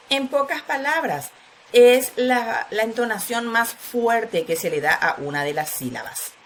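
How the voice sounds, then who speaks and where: A woman teacher giving a recorded class lesson, explaining slowly and stressing syllables as she repeats key words. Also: mid-range voice, a little hiss or hum.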